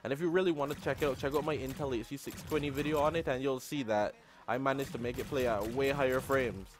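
A man's voice: mid-range voice, fairly even intonation, fast. A man giving casual, rambling gameplay commentary as the host of a gaming video, often repeating his points.

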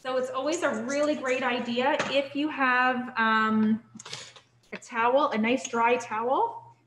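A woman's voice: a little high, slight background noise. Chatty woman teaching a cooking class. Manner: relaxed, chatty, lots of "um" and "okay?" checks. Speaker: cooking instructor. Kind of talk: live online cooking class. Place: kitchen classroom.

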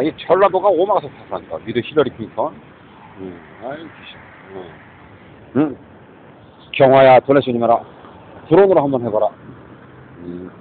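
A man in his fifties talking in a rambling monologue, mixing English words into his speech and often adding tag questions. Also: mid-range voice. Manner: rambling, muttering asides. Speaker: street preacher livestreamer. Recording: tinny phone-like lo-fi audio with faint noise.

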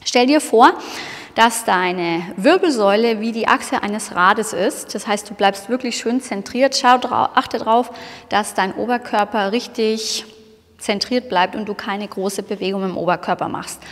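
A woman's voice: medium pitch, a little slow. A woman teaching a hip movement class, counting and cueing each move with encouraging words. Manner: encouraging, counts and cues the moves, often says "wonderful". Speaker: dance instructor. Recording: long hall reverb.

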